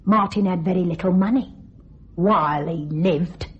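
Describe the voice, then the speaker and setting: In a radio thriller, a woman plays a cold, scheming young widow, taunting and coolly commanding in a deliberate, controlled way. Her voice sits on the low side, close to an everyday register. The radio drama recording sounds dull and band-limited.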